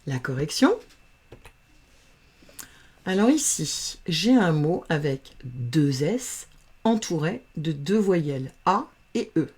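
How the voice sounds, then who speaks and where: A woman teaching reading, patiently sounding out letters and syllables in a slow phonics lesson. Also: low voice, very animated, a little mellow, slightly rough.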